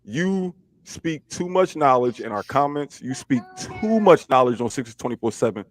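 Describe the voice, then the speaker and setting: Lively co-host man, dry close sound. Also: medium pitch, normal speed, no room sound. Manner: excitable, apologetic bursts, lively. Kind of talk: casual sports chat.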